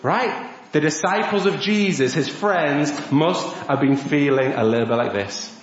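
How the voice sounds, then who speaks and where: A man preaching an animated all-age sermon in a church, asking the congregation questions and acting out voices. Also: a little high, measured pace, slight background noise. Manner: lively, asks the congregation questions, acts out voices. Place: church hall. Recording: echoey church, dull lo-fi sound.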